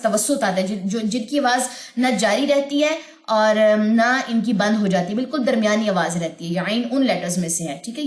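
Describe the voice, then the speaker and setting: A woman teaching Quran recitation rules, explaining patiently and chanting verses slowly and melodically. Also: medium pitch, reverberant. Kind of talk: tajweed lesson with chanted recitation.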